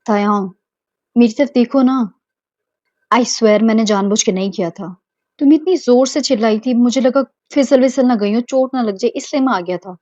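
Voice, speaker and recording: A woman voicing a gentle young husband who stammers through apologies, in an amateur audio drama. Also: a little high, moderate pace, no echo, lo-fi sound, natural voice. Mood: pleading.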